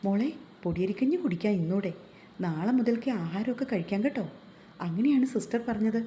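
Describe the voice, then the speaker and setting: A woman's voice: medium pitch, lively intonation, fairly quick, warm tone, a little hiss or hum, natural voice. A woman voicing a kindly, motherly older female helper who fusses over others in a read-aloud story. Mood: caring.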